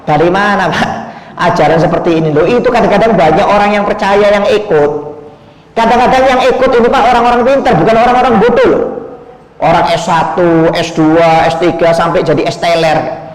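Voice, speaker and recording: High-voiced male preacher in echoey hall. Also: fairly even intonation, brisk. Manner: emphatic, rhetorical questions, addresses listeners directly. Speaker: Islamic preacher. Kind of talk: sermon.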